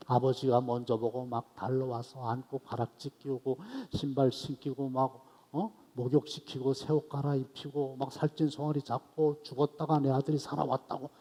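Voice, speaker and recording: Animated male pastor preaching. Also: medium pitch, husky, long reverb tail. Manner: animated storytelling, swinging between loud outbursts and soft asides. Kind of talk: expository sermon. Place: church evening service.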